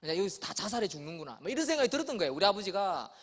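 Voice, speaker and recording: A man's voice: high voice, very animated, very fast, a bit bright. A male pastor telling a childhood story in his sermon, acting out voices. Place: church sanctuary. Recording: long church hall reverb.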